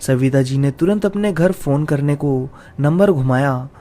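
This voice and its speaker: A man tells a horror story in a steady, scripted storytelling voice. His voice sits fairly high but sounds warm and mellow. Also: measured pace. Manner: reads every character himself with small voice shifts.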